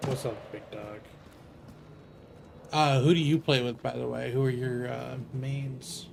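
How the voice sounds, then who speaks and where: A man's voice: medium pitch, fairly even intonation, unhurried, gravelly, slight background noise. Laid-back rambling male streamer. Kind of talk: casual chat while gaming.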